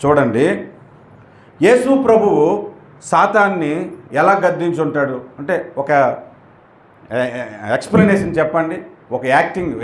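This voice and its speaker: A male pastor preaching emphatically, acting out prayers and rebukes to show how they should sound. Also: on the high side. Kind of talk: sermon. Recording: echoey room.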